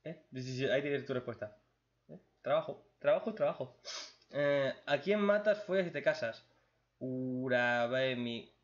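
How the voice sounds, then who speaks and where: A man's voice: mid-range voice, unhurried. Blunt Spanish-man in lo-fi chat. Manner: blunt, crude, joking, reads questions aloud then answers. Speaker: YouTube host answering viewer questions. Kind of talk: casual Q&A chat.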